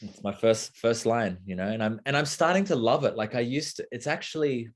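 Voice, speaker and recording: Speaking fairly quickly in a mid-range voice, a young adult man co-hosts a live talk. His casual, thoughtful conversation rambles, full of fillers and restarts.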